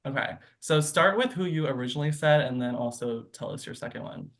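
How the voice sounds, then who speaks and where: A man's voice: fairly high pitch, fairly quick, a bit bright. A man hosting an online game show over a video call, announcing results with an upbeat, giggly manner.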